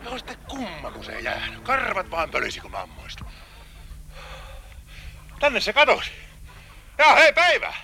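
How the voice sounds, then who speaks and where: An eager, talkative hunter full of questions, with a high, lively voice that rises and falls a lot. He sounds bright and sharp-toned as he chatters on. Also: creaky, pauses often, a little hiss or hum, full character voice. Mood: puzzled, chatty. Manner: chatty, inquisitive.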